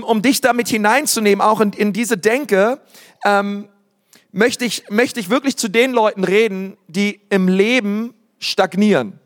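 A man delivers a sermon in a casual, energetic way, scattering fillers and English words. His voice sits high for a man. The church hall adds a long, ringing reverb. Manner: lively preaching, mimics congregants in put-on voices; casual, many fillers and anglicisms. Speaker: pastor.

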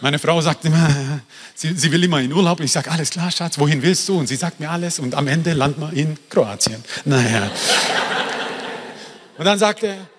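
A man preaching a sermon in a lively, emphatic way, turning to the congregation with asides. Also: fairly high pitch, moderate pace, long reverb tail, a little hiss or hum. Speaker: pastor.

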